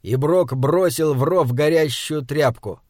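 A man narrating an audiobook in a measured, dramatic reading. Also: a little high, darkish tone, no room sound, studio quality.

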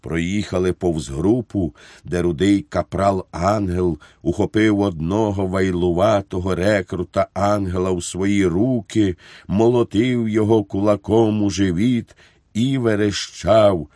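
A man narrating an audiobook in a measured, deliberate reading style. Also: low voice, mellow, dry recording, studio quality.

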